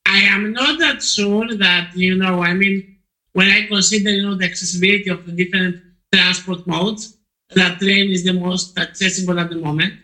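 A man's voice: sits high, fairly even intonation, moderate pace, pushed and bright, rough recording. A man from Poland answering interview questions as a podcast guest, hesitant, with many restarts and fillers.

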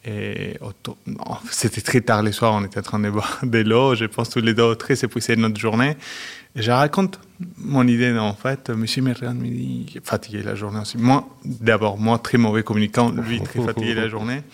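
A middle-aged man, a guest on a radio interview, who talks haltingly with many restarts and fillers. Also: lowish voice, steady tone, creaky. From Argentina. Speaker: guest, company director.

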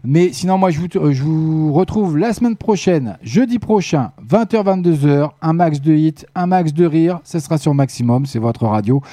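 Guy hosting a radio show, bit hoarse, joking around, dry studio sound. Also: fairly high pitch, expressive, normal speed, hardly any pauses, mellow, dry recording. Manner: chatty, joking with listeners in the chat. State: voice going hoarse from talking. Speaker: radio host. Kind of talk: casual live radio hosting.

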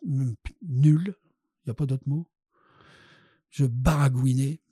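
A man in his sixties from France, a dental surgeon and guest, telling animated anecdotes with frequent laughs and hesitant fillers. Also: mid-range voice, slow, husky, dry recording, clean studio sound. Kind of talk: casual storytelling interview.

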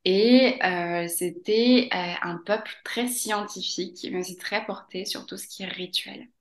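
A woman's voice: medium pitch, a little slow, roomy sound. A woman from Mexico, a podcast guest talking casually, hesitating with many fillers and laughing often. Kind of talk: casual interview.

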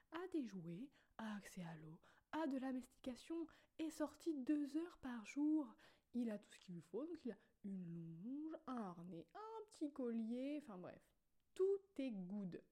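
A woman's voice: medium pitch, mellow. A young woman hosting a casual podcast, chatty and self-mocking, with sarcastic asides. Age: young adult. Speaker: podcast host. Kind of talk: casual spontaneous podcast chat.

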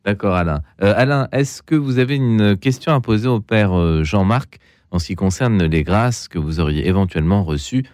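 A male radio host with a very low voice, speaking from a dry studio. He is courteous and a little hesitant, filling pauses with fillers as he guides callers through a late-night show. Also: expressive, a little mellow, dry recording. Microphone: studio microphone.

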